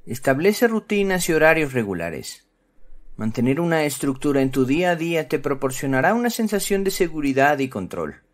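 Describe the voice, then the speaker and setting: A man's voice: fairly high pitch, sing-song, a little fast. A man presenting scripted narration for children, instructive and speaking to them directly. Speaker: presenter of a children's psychology channel.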